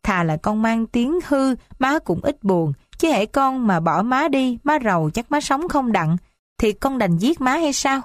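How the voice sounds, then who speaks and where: Woman reading as an older noble mother, emotional, stern, fairly high voice, dry close sound. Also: lively intonation, unhurried, no echo. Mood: tearful. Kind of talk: audiobook character reading.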